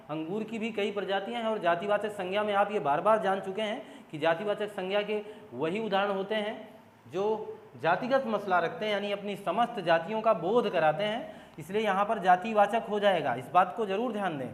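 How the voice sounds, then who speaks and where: Man, grammar teacher, high-pitched, patient step-by-step explaining, echoey room. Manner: explains step by step, repeats key points, asks students questions. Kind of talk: exam-prep grammar lesson. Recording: echoey room with long reverb.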